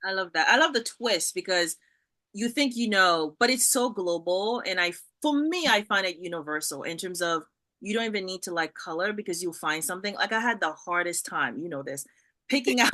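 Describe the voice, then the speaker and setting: A woman's voice: fairly low pitch, expressive, brisk, pushed and bright. A woman hosting an interview, chatting casually and responding with enthusiasm and frequent affirmations. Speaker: interview host.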